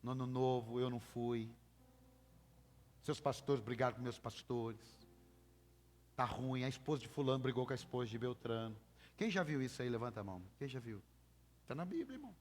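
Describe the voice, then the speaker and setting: A man's voice: medium pitch, steady tone, moderate pace, long pauses. Brazilian male pastor preaching in an echoing hall. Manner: emphatic, calls for congregation repetition. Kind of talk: sermon. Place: church.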